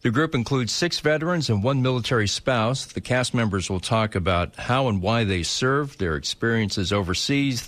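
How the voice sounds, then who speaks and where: A man hosting a radio interview, giving measured introductions with frequent "uh" fillers. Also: lowish voice, a bit bright. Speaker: radio host. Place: radio studio.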